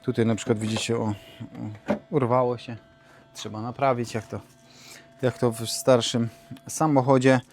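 A man's voice: medium pitch, little pitch movement, normal speed, pauses often, music in the background. A man casually showing around his camper van at a campsite outdoors, talking loosely with lots of fillers and restarts, recorded on a handheld camera. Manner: chatty, many fillers and restarts. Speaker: vlogger. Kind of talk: casual vlog walkthrough.

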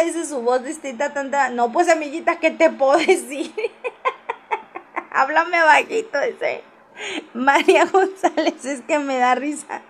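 A woman hosting a casual gossip livestream, reading viewer comments aloud and answering them with teasing asides and frequent laughs. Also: sits high.

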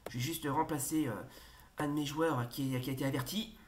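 A woman hosting a football video game let's play, commentating excitedly, shouting at the referee and hesitating often. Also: sits low, brisk. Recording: roomy echo, faint noise.

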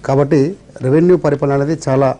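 A man's voice: medium pitch, fairly even intonation, fast, mellow. A man with a Telugu accent, a revenue officials' representative on a TV debate, explaining measuredly and citing laws and history.

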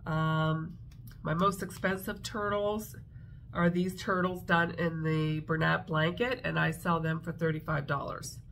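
A woman's voice: low-pitched, flat delivery, a little slow, vocal fry, fairly bright tone, a little hiss or hum. A woman with a congested, stuffy voice, chatting casually as she shows her crafts and thinks aloud. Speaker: craft vlogger. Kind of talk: casual show-and-tell chat.

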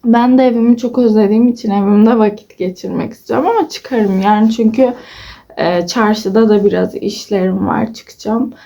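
A woman in her twenties vlogs casually to her followers in a gravelly, warm voice of medium pitch at a moderate pace. A chatty storyteller, she acts out what people said, with giggles.

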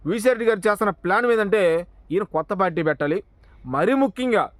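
A man's voice: high-pitched, fairly bright tone, no room sound. A man giving a heated political monologue, confronting his target with rhetorical questions. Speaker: political commentator, channel owner.

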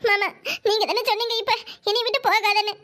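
A woman's voice: very high-pitched, little pitch movement, fast talker, pushed and bright. A woman voicing a stubborn, tearful young village woman in a cartoon, pleading and insisting she will not leave. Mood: defiant. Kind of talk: cartoon voice acting.

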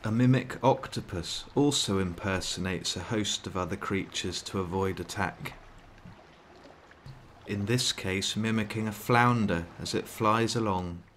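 A man with a fairly low voice narrates a nature documentary from a script. His delivery is that of a wildlife film narrator, with some ambient noise audible behind him. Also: a little slow, a bit bright.

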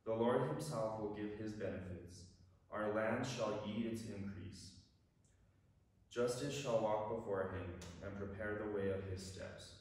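A man's voice: a little slow, darkish tone. Man reading scripture in cathedral echo. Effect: heavy church echo from a distant mic. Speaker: lector at Mass. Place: large church. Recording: echoey church hall, distant mic, faint rumble.

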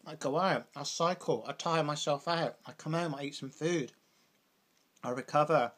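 A young man from Britain vlogs while eating, rambling casually and dropping plenty of "like" and "you know." His voice is on the high side and fairly bright, at a moderate pace.

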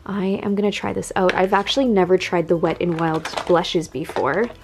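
With a lowish, steady voice at a moderate pace, a woman in her thirties tidies her beauty room on camera, chatting casually, thinking aloud and gushing about discoveries. The camera mic moves around a noisy room at home.

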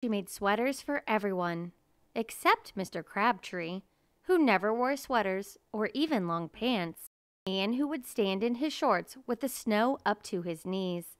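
Slow, clear-voiced woman storyteller. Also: mid-range voice, expressive, no echo, clean studio sound. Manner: measured, deliberate storytelling. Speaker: storybook reader. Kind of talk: children's picture book read-aloud.

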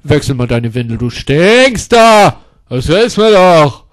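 High-voiced, abrasive man yelling crude insults. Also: big pitch swings. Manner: abrasive, insulting, mixes English words into his speech; repeats catchphrases in a drawn-out yell. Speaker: comedy character performer. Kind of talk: crude comedic improvised sketch.

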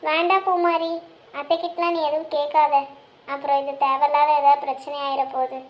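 A woman acts out a gentle, troubled older sister in a cartoon, speaking softly with worry. Her voice sits high and light. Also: flat delivery, brisk, natural voice. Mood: worried. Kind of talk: cartoon voice acting.

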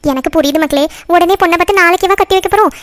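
A woman voices a comforting cartoon grandmother whose voice sits very high and rushes quickly. She steadies the family with reassurance, not scolding. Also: fairly bright tone. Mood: reassuring.

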